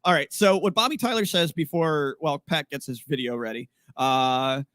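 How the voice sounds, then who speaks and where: A man's voice: a little high, very animated, a little fast, a bit bright, no room sound, clean studio sound. A man co-hosting a podcast in casual chat, blunt and profane, rambling with restarts. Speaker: podcast co-host.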